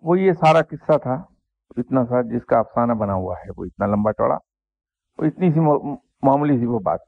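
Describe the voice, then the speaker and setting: A man, a spiritual teacher telling an anecdote and reflecting on faith in an unhurried, self-deprecating way. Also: medium pitch, expressive, gravelly, dry recording. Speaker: spiritual teacher answering questions. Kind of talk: anecdotal storytelling and religious reflection. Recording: dry, tinny phone-like sound.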